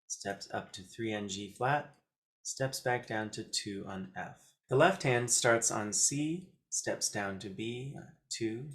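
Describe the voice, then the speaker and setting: This video-lesson piano teacher has a mid-range, slightly bright voice and moves at a slow pace. His instructional demonstration proceeds in short, deliberate phrases that count off notes and fingerings, accompanied by piano notes.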